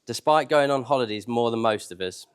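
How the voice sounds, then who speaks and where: A man's voice: medium pitch, fairly quick, clear, resonant tone. A man delivering an informal, humorous wedding speech live at a reception. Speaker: wedding speaker.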